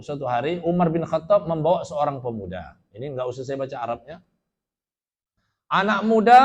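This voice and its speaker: Recorded with lo-fi sound, this preacher has a fairly high-pitched voice as he tells stories in a sermon to a study group. He cites Arabic, explains it plainly, and frequently asks his listeners rhetorical questions.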